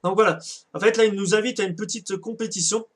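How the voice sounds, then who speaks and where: A man's voice: sits high, fairly even intonation, quick pace. A man casually commenting on a football video game, hesitant, with many fillers and self-corrections. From France. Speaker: gaming channel host. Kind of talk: casual let's-play commentary.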